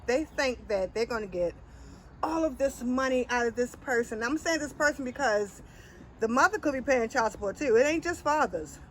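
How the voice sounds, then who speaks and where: A woman hosting a casual chat with friends, animated and laughing often, with playful drawn-out asides. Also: fairly high pitch, slight background noise, rough recording. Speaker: host.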